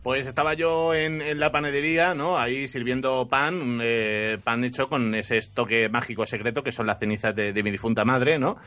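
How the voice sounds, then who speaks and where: A man's voice: medium pitch, steady tone, moderate pace, few pauses, pushed and bright. A man improvising a comic story in the first person, rambling and repeating his words as he goes. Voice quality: bearded. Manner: rambling, repeats words, laughs while telling. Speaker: improv player.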